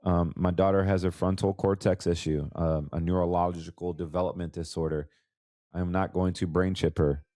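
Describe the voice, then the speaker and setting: A deep, warm voice, stuffy from allergies, belongs to an American man hosting a podcast as a financial advisor. His conversational solo commentary has fairly even intonation and a moderate pace, with words repeated for emphasis, in echo-free studio quality.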